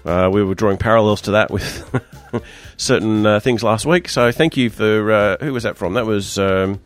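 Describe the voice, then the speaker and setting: An Australian man with a croaky, hoarse voice hosting a radio show in a casual, chatty, joking way. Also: on the low side, normal speed, faint music behind. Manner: chatty, loose, jokey banter. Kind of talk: casual panel-show presenting.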